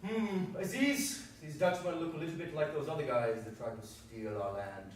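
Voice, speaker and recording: A man voicing a suspicious Indian man in a period drama, who grumbles low. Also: moderate pace, background noise, lightly acted. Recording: echoey stage, far-off mic.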